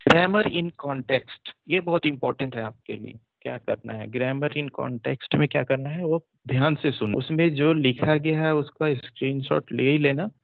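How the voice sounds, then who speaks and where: A male teacher giving an online grammar class, repeating and drilling terms and asking quick questions. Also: mid-range voice, gravelly, no echo. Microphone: computer mic, online class. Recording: dry, dull lo-fi online audio.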